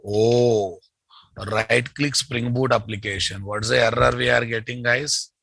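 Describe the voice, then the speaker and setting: A man's voice: medium pitch, steady tone, a little slow, creaky, a bit bright, husky, no room sound. A man with a Telugu Indian English accent teaches programming live, thinking aloud, repeating phrases and checking with his students through short questions and tags. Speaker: programming instructor.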